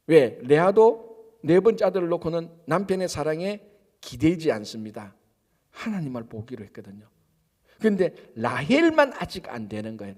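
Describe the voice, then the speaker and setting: A man's voice: fairly high pitch, darkish tone, in a large hall. A male pastor preaching at an early-morning service, asking rhetorical questions and answering them himself. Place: church sanctuary.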